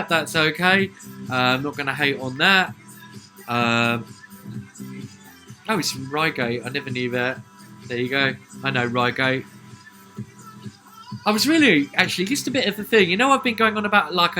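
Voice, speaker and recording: Chatty southern english guy rambling through song reviews, lots of uh's, bright voice. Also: mid-range voice. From southern England. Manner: chatty, rambling, frequent "uh" fillers and chuckles. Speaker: music podcast host. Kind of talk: casual music review commentary.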